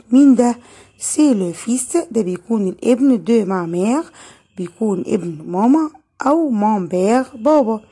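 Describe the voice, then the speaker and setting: A woman's voice: medium pitch, dark tone, breathy edge. A woman with an Egyptian Arabic accent giving an online French grammar lesson, patiently asking questions and answering them herself. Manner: patient, asks and answers her own questions. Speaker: French teacher.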